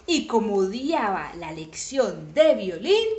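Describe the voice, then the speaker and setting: Lively woman reading a children's story. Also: mid-range voice, slow, echoey room. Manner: animated, with sudden shouted exclamations.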